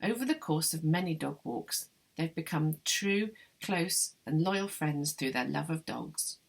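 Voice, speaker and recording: A woman translator reading her translated novel aloud, with measured, wry first-person narration. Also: deep voice, lively intonation, vocal fry, husky. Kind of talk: literary reading of a novel excerpt.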